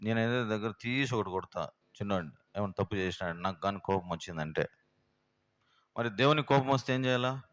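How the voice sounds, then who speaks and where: A man's voice: on the low side, fairly quick, a bit bright. A pastor, preaching a plain, homely sermon and firing rhetorical questions at his congregation in a prayer house. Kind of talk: sermon teaching.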